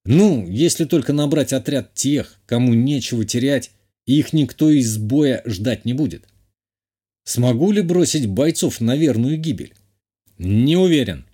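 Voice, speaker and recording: A man reading a first-person audiobook in a measured, even way. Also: mid-range voice, husky. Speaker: audiobook narrator. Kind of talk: scripted first-person narration.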